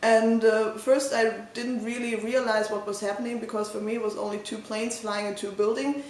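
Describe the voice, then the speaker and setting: A woman in her twenties with a German accent, recalling a memory hesitantly, with many pauses and fillers. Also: fairly high pitch, flat delivery, a little mellow, a little hiss or hum. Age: 20s. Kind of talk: personal recollection. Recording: echoey room.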